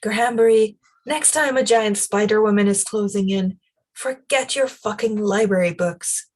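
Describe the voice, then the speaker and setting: A woman voicing a fierce, blunt young adventurer who swears when angry, in a breathy voice. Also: medium pitch, moderate pace, a little mellow, close to an everyday voice.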